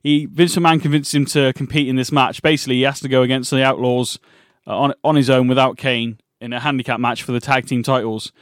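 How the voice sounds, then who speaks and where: A man's voice: mid-range voice, steady tone, fast, no room sound, clean studio sound. A man co-hosting a podcast in casual chat, hesitant and full of fillers. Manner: hesitant, filler-heavy, laughs often. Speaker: podcast co-host.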